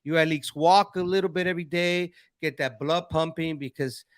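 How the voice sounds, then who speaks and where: A man's voice: on the high side, steady tone, normal speed, clean tone, no echo, clean studio sound. A man hosting a casual interview, friendly and rambling, often repeating his words. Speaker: host.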